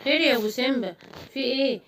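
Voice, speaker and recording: A woman with an Egyptian accent voicing a helpful male superhero in a cartoon, speaking softly and reassuringly. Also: high voice, fast, a little hiss or hum. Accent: Egyptian Arabic.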